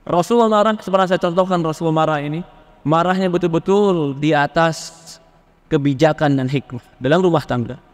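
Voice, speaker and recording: Male preacher, fairly high voice, animated delivery, long reverb of a hall. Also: fairly quick. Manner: lively, acts out questioners from the congregation. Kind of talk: Islamic sermon on marriage.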